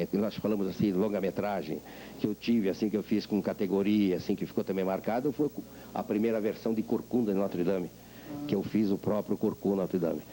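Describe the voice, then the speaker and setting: An older man, a veteran voice actor, being interviewed and telling animated stories about his craft. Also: deep voice, creaky, slight background noise, low-quality recording. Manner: animated storyteller, acts out voices. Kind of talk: reflective interview talk.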